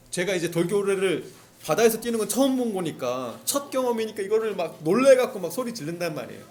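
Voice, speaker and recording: Guy pastor preaching casual, tells the story like a chat, high voice that jumps all over, keeps asking the room stuff. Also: darkish tone, slight background noise. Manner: storytelling, asks the congregation questions; acts out cries of the characters. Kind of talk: conversational sermon.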